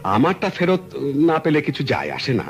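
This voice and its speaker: On an old radio recording with faint hiss and a little music in the background, a man with a slightly high, sing-song voice speaks at a moderate pace, the high frequencies cut off. It's 1970s radio drama acting: he plays a polite, earnest middle-aged client who lays out his story courteously and at length.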